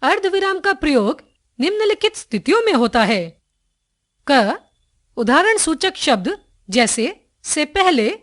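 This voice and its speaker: A woman narrates a textbook grammar lesson at an unhurried, measured pace. Her voice sits somewhat high and moves expressively up and down. She pauses carefully between phrases. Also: big pitch swings, a bit bright. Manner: slow, deliberate reading with careful pauses.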